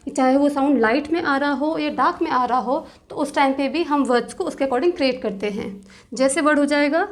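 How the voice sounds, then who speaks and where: High-voiced woman teaching shorthand patiently. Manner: patient, repetitive, drawn-out example words. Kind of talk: step-by-step tutorial explanation.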